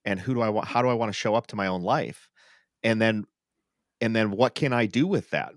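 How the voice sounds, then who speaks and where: A podcast host talks casually over an online video call for a livestream podcast, reflecting thoughtfully and affirming the person he's speaking with, often checking in with "right?" His fairly low voice is expressive and a little fast, recorded in clean studio sound with no echo.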